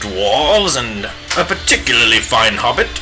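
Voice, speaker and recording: A man putting on a pompous old wizard, put-on British accent, slow, swooping pitch, music behind. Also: sing-song, poor audio. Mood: grandiose. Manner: hammy, drawn-out theatrical wizard speech. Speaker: streamer painting live.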